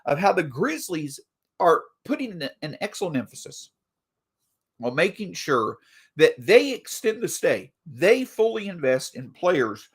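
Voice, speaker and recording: A man hosting a solo sports podcast, talking through team news in an animated way, a bit stuffy from allergies. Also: on the high side, a little slow, slightly rough. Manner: animated, reads an ad mid-show. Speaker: podcast host.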